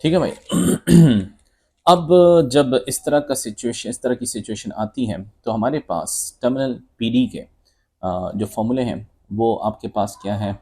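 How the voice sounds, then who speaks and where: A man's voice: mid-range voice, measured pace, a little mellow, slightly rough. A man teaching physics, working through exam questions step by step and calling his students "beta" and "bhai". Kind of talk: exam solution walkthrough lesson.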